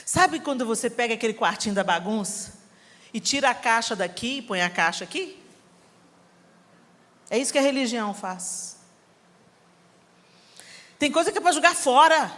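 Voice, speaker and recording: A middle-aged Brazilian woman preaching a sermon, telling a family story with animated acting and bursts of shouting. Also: high-pitched. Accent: Brazilian Portuguese. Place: church hall. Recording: reverberant hall, live sermon.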